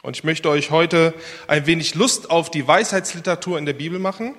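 A man preaching a sermon and praying before his congregation, earnest and lively. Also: a little high, brisk. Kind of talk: sermon with prayer and Bible reading. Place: church hall. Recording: reverberant hall.

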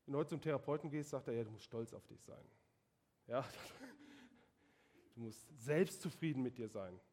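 A man's voice: mid-range voice, moderate pace, a little mellow. A man preaching a sermon, emphatic and asking the congregation direct questions.

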